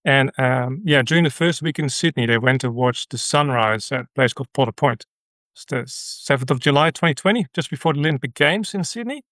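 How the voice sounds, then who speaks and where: Dutch-accented man, earnest and halting. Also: mid-range voice, lively intonation, a bit bright, dry recording. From Netherlands. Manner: halting, earnest storytelling with many fillers. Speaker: guest, ministry leader. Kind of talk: conversational interview.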